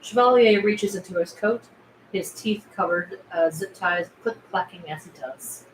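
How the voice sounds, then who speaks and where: At a table read, a woman reads the scene directions of a film script aloud. Her fairly low voice is unhurried, and the recording has a roomy echo with clear background noise.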